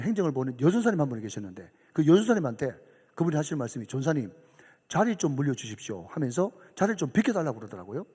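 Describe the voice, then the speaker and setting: A man's voice: high voice, a little mellow, breathy edge. A middle-aged man, a pastor telling a story in a sermon and acting out the voices of the people in it. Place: church sanctuary. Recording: church hall reverb.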